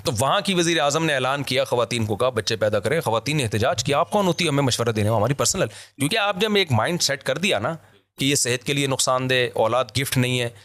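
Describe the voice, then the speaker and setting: A man from Pakistan holds forth in a relaxed discussion with the energy of a born storyteller. His voice sits at an ordinary middle pitch, and he presses his points emphatically, laughing easily as he goes. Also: fairly quick. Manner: animated, emphatic storyteller who laughs often. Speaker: vlogger. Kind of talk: casual discussion.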